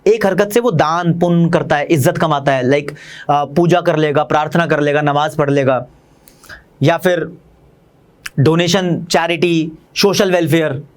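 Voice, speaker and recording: A man with an Indian accent teaching commerce in a fast, chatty online lecture, talking straight to his students. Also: on the high side.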